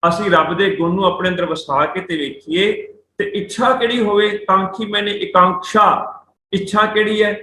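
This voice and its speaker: A man with a Punjabi accent, a religious teacher giving a Sikh scripture exposition, who slows down to recite verses and then explains how each word is pronounced. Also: high voice, fairly even intonation, sharp tone, reverberant, a little hiss or hum, poor audio. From India. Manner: slows to chant scripture lines, then explains pronunciation letter by letter. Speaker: principal of a Sikh missionary college, religious teacher.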